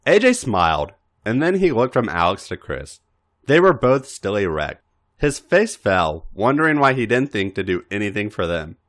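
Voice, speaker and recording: This man, a podcast host, narrates fan fiction in an expressive, emphatic style at a normal speed. His voice is on the low side and a bit bright, with large swings in pitch.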